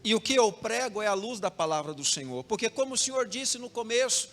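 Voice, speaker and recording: A man's voice: high-pitched, lively intonation, a little fast, a bit bright. A young man with a Brazilian Portuguese accent preaching a sermon as pastor, telling a story with rhythmic repetition and speaking straight to the congregation. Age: young adult. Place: church hall. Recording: long hall reverb with music behind.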